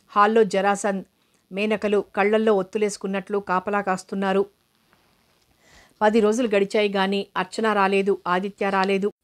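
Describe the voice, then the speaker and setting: A woman narrating a novel aloud in a steady storytelling manner. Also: mid-range voice.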